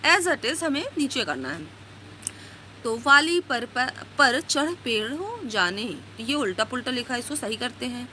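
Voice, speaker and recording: High-voiced woman teaching a workbook lesson. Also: big pitch swings, measured pace, pushed and bright, slight background noise. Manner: explains each question and reads out answers, asking "है ना?".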